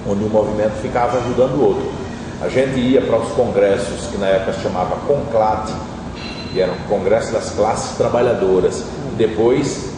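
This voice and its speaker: A middle-aged man, recalling past events in a measured, reflective interview. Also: fairly low pitch. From Brazil. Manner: measured, reflective, with frequent tag questions. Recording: distant, echoey, noisy room.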